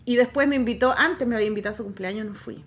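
A woman's voice: fairly high pitch, very fast. A woman with a Chilean accent telling a story in casual chat, acting out the voices of people she quotes.

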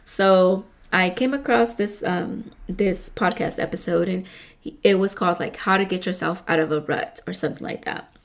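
A woman's voice: on the low side, moderate pace. A woman hosting a casual motivational talk, rambling with lots of fillers and frequent swearing, often calling her listeners "you guys".

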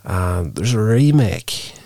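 A man's voice: on the low side, lively intonation, slow, dark tone, no room sound. A man hosting a casual solo movie podcast, thinking aloud hesitantly, with a wheezy, chesty voice that sounds sick and just woken up. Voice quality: wheezy, gravelly. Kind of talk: casual solo podcast talk, rambling film review.

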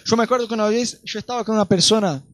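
A man's voice: high-pitched, rapid-fire, dry recording. A man with a Rioplatense accent preaching a sermon, telling stories animatedly and acting out the voices of the people in them. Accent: Rioplatense Spanish.

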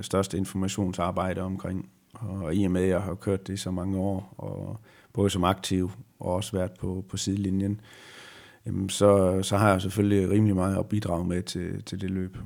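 A middle-aged man speaks in a deep, gravelly voice with a husky edge, recalling his racing years in a halting, reflective way. His pitch stays low and level throughout the conversation. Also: darkish tone. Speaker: retired rally driver as guest. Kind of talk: conversational interview.

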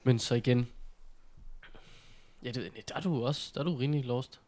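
Man chatting casually, animated and informal. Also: medium pitch. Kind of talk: casual chat.

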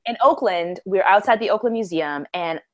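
A woman co-hosting a podcast, telling stories in casual chat, animated and laughing as she tells them. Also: mid-range voice, fairly quick. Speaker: podcast co-host.

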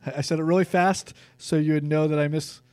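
Californian male co-host, casual stat-heavy chat, warm tone, dry mic. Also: on the high side, quick pace, smooth, no echo. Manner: reads stats, relaxed and conversational. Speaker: sports podcast co-host.

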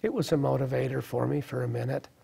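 A middle-aged man telling a personal testimony in an earnest, reflective way, with halting restarts. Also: medium pitch, fairly even intonation, creaky, warm tone, breathy edge. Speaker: speaker sharing a personal testimony. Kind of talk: personal storytelling.

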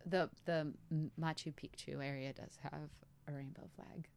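Low-pitched woman on a podcast, rambly, says "like" a lot, laughs a bunch. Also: fairly even intonation, normal speed, gravelly, a little mellow, a little hiss or hum. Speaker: podcast co-host. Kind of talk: casual chat.

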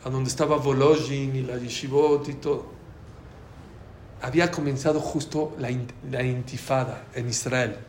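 A man with a Mexican accent telling a story in a talk, acting out the dialogue with lively changes of voice. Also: mid-range voice, normal speed, slight background noise. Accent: Mexican Spanish. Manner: animated, acts out quoted dialogue. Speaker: speaker giving a talk. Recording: echoey room.

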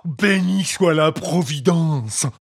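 A man's voice: fairly high pitch, slow, creaky, no room sound, clean studio sound, pitched above the performer's own voice, heavily acted. A man voicing a huge, greedy green fisherman who gloats and cackles in a sing-song way. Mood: gloating.

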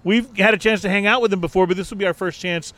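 An American man hosts an unscripted talk show from an outdoor restaurant terrace, chatting in an upbeat, easy way. His voice sits high and a bit bright, with a steady tone and a quick pace.

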